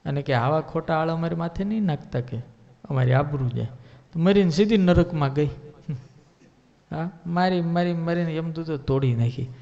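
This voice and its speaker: A man with a fairly high voice tells a devotional story as a sermon, acting out each character's lines in shifting voices. His voice rings with a long reverb through a large hall. The recording is dull and lo-fi. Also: normal speed, creaky, mellow. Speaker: religious storyteller.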